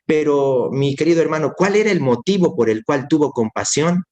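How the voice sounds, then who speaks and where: A man's voice: a little high, lively intonation, moderate pace, darkish tone, muffled recording. A man preaching a sermon in earnest, repeating key phrases and speaking straight to his listener as a brother. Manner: addresses listener directly as brother.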